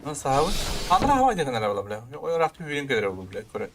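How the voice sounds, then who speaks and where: A man's voice: mid-range voice, huge pitch swings, fast talker, noisy background. A man doing casual horror let's-play commentary, nervous and jumpy, muttering and swearing to himself as he reacts to the game.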